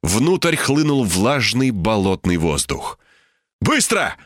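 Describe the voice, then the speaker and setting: A man's voice: mid-range voice, animated, normal speed, fairly bright tone, no echo, clean studio sound. A man narrating a tense first-person story in an audiobook style.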